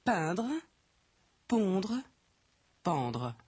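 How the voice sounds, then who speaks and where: A woman reading French pronunciation drills slowly, with deliberate, careful enunciation, in a dry studio recording. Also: on the low side, very animated, a little mellow. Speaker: language course speaker. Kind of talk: slow, clearly read pronunciation drill.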